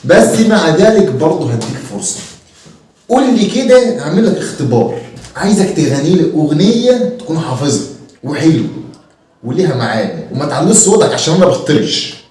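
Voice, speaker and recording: A man acting out a grumpy, scornful father with an Egyptian Arabic accent and a fairly high voice. He scolds and mocks in sarcastic bursts in a homemade comedy sketch. The recording is roomy and distant, with a faint hiss. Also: sing-song, fairly quick, mellow. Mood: mocking. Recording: echoey room, far from the mic, faint hiss.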